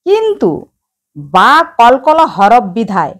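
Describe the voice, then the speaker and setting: A woman explains how to read letters in a slow, careful teaching voice, sounding out each syllable for the viewer. Her voice sits a little high and moves through a wide, sing-song range. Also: sing-song. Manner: addresses viewers directly, sounds out letters slowly. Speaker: Quran reading teacher.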